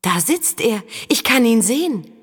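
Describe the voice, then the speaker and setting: A woman voicing a quick-witted young female street performer with loud, showy stage patter. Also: a little high, very animated, slightly rough, long reverb tail, pitched above the performer's own voice, heavily acted. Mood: coaxing.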